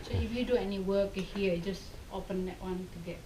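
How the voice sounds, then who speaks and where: A woman with a mellow, relaxed voice asks casual, curious questions from some way off the mic. The cave walls throw her words back in a roomy echo, with a faint hiss underneath. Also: medium pitch, a little fast, far from the mic. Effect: echoing cave acoustics. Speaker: tour visitor. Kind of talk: casual questions on a guided tour. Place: inside a limestone cave.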